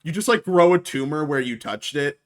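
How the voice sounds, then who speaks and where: A man's voice: fairly high pitch, expressive, brisk. A man, a podcast co-host, chatting casually, joking and laughing often. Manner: jokey, laughs often, exaggerates for laughs. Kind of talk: casual chat.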